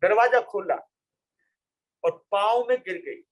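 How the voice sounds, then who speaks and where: A monk tells a long moral story in a sermon, often repeating his phrases for emphasis. His voice sits very high for a man. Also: slow pace, rough recording. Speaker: Jain monk.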